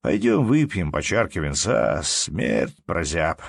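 A man's voice: low voice, very animated, slow, creaky, slightly rough, no echo, studio quality, exaggerated voice. A man voicing a sly, glib red-bearded peasant trickster who talks in a wheedling, mock-friendly way. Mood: coaxing.

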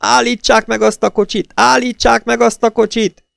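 A shrill, panting woman screeches at the top of a high, strained voice, as a male narrator puts her on. The reading is dry and close, with a slightly gravelly edge left from the reader's own voice. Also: flat delivery, fairly bright tone, dry recording, full character voice. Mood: screaming. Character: frantic furious woman, sister-in-law. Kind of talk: audiobook character voice.

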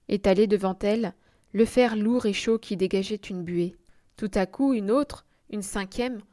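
A woman reading a classic short story aloud in measured, expressive audiobook narration. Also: medium pitch. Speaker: audiobook reader.

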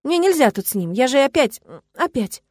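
A woman narrating a novel in the first person, lively and emotional, as if voicing her own inner thoughts. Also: sits high, moderate pace, no room sound, clean studio sound. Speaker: audiobook narrator.

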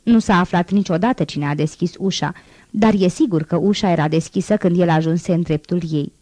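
Warm, low-voiced woman reading an audiobook. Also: dry recording. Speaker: audiobook narrator. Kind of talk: scripted narration.

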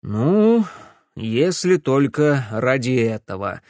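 Man doing a defiant, gruff young man. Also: mid-range voice, big pitch swings, slow, dry recording, clean studio sound. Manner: grumbling, defiant, loud.

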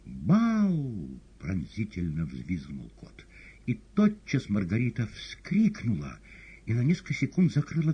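A man narrating a novel as an audiobook in an expressive, dramatic reading. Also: on the low side, slightly rough, lo-fi sound. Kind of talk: scripted literary narration.

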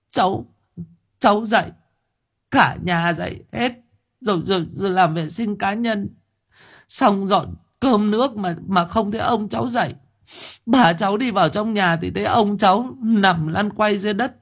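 A man's voice: high-pitched, a little slow, pauses often, slightly rough, voice pushed up, heavily acted. A man voicing a tearful young village woman who stammers while she explains in a storybook tale. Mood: weeping. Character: sobbing young village woman, granddaughter-in-law.

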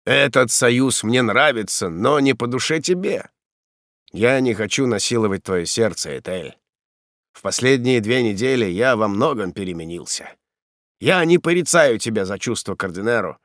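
Male narrator as solemn old count, slow measured delivery, lively pitch, dry close audiobook sound. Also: dry recording, natural voice. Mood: tender. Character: old former count, bitter prisoner turned gentle.

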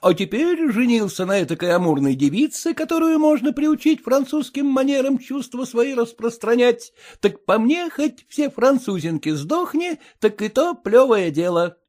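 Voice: mid-range voice, big pitch swings, normal speed, few pauses, a little mellow, natural voice. A reader voicing a newly married husband who coaxes and nags his wife in folksy, old-fashioned speech. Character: newly married merchant husband, pushy and coarse.

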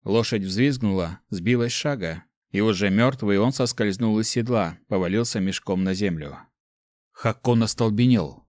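A man reading a fantasy novel aloud in steady, measured scripted narration. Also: lowish voice, no echo, clean studio sound. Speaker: audiobook narrator.

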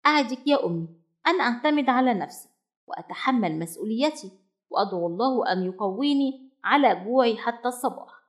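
A woman's voice: fairly high pitch, animated, quick pace, natural voice. A woman voicing a young male bird chick in a storybook reading, pleading with his mother and then earnestly promising to work.

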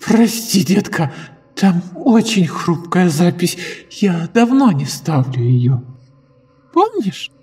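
A man voicing a sly, sinister old woman who speaks in a slow, eerily calm coo in a horror audiobook. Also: high voice, husky, dry recording, faint music behind, pitched above the performer's own voice, full character voice. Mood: confiding. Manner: slow cooing, sinister giggles.

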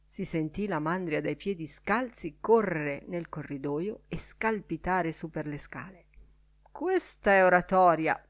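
Slow, low-voiced woman reading a novel. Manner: measured, unhurried reading with dramatic pauses. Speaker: audiobook reader. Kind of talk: literary audiobook narration.

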